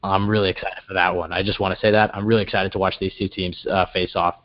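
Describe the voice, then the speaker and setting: A man's voice: low voice, level tone, fast. Upbeat male co-host, lo-fi sound. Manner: upbeat, wrapping the show up. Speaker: podcast co-host. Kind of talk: casual sports chat.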